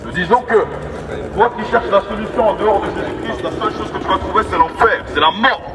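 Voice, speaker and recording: A high-voiced male street evangelist preaches in the open air through a megaphone, declamatory and repetitive, stopping and restarting haltingly. He is heard from far off in a busy city public space, his amplified voice echoing over the bustle of a street crowd and traffic.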